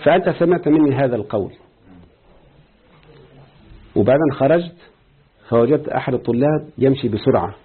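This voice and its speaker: A man with an Egyptian Arabic accent teaches a classroom grammar lesson in a husky, mid-pitched voice. He explains step by step, stops to quiz his students, and slows down to quote examples. The recording is thin and tinny, as if heard over a phone line. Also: lively intonation.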